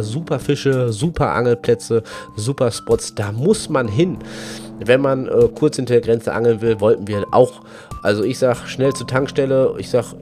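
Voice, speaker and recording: A man in his thirties with a German accent, a fishing vlogger telling a lively story about a day trip and acting out his friends' lines. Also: medium pitch. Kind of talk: storytelling vlog.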